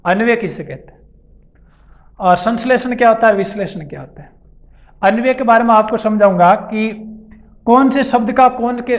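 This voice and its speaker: A man with a Rajasthani Hindi accent teaching a grammar lesson. He repeats key terms and asks and answers his own questions. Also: high-pitched. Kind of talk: classroom-style grammar lesson. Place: classroom or coaching center.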